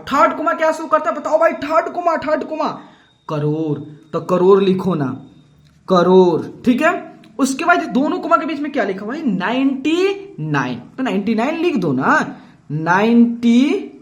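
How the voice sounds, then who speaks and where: Guy teaching math, keeps nudging the kids, very animated sing-song voice. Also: high voice. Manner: coaxing and repetitive, calls the viewer "bhai" and "dost"; upbeat and encouraging. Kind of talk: classroom lesson explaining to students.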